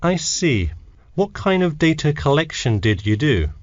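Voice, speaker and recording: Male actor as matter-of-fact academic adviser, animated intonation, scripted dialogue, slightly muffled audio. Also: on the high side, unhurried, no room sound. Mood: inquiring. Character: male university tutor, helpful and matter-of-fact.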